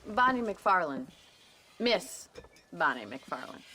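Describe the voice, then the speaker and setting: An actress playing a brisk, sardonic young woman rancher with an American accent in a Western video game, frank and teasing. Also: lowish voice, sing-song, bright, forceful tone, heavily acted. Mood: wry, teasing.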